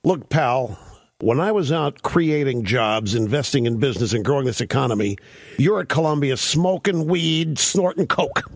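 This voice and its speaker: A man putting on a blunt politician who scolds a rival, in a lower voice than his own. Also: moderate pace, breathy edge, no echo, studio quality. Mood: scolding. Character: imagined brusque politician telling off a rival.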